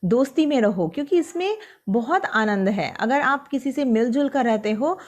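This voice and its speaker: A woman teacher explaining a poem to school students, reading its lines slowly and then explaining them in plain words. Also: high-pitched, expressive. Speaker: Hindi teacher.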